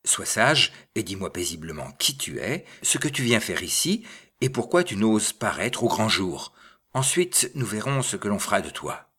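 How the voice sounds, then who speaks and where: A man reading aloud and voicing a blustering village mayor who speaks gruffly and gives orders. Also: fairly low pitch, big pitch swings, moderate pace, pushed and bright, exaggerated voice. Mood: stern. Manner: gruff, commanding. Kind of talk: audiobook reading.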